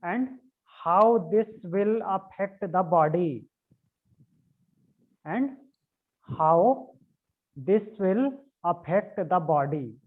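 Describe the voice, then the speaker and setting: High-voiced man teaching over a conference call. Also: expressive, extremely slow, long pauses. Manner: repeats phrases and spells out key words letter by letter. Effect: heard over a video conference call. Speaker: yoga anatomy teacher. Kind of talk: online class lecture, dictating notes. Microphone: video call. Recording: narrow phone-like call audio.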